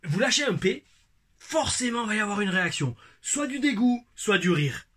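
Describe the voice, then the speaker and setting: A man's voice: sits high, big pitch swings, normal speed, fairly bright tone, husky. A young adult man chatting casually on his vlog as a wrestling show reviewer, telling stories in slang with a rambling manner and many restarts. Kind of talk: casual vlog chat and storytelling.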